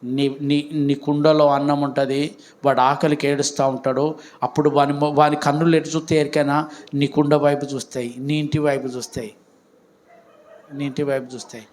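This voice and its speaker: A man's voice: fairly high pitch, little pitch movement, moderate pace, darkish tone, slight background noise. A man, preaching a Sunday sermon as pastor, with emphatic outbursts and questions put to the congregation. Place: church.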